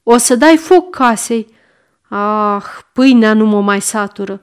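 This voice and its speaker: A woman's voice: medium pitch, lively intonation, smooth, close to an everyday voice. A woman voicing a sick old male miser, querulous and snapping commands. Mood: complaining.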